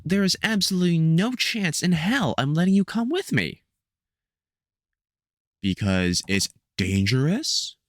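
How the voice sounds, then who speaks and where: Stern and protective, a man performs as a gruff veteran vampire hunter in an audio roleplay, addressing the listener hesitantly and with mild sarcasm. His medium-pitched voice is recorded at studio quality, without echo.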